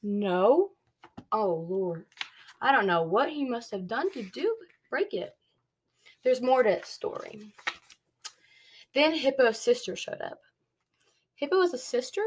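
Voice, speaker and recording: With slight background noise, a young woman speaks slowly in a fairly high, expressive voice, leaving long pauses. She's a preschool read-along storyteller reading a picture book to small children in a small, dim indoor bedroom, stopping to explain and pose questions.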